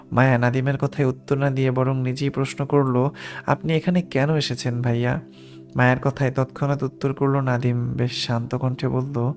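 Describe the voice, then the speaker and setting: A man narrating an audiobook in a steady, even storytelling manner. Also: mid-range voice.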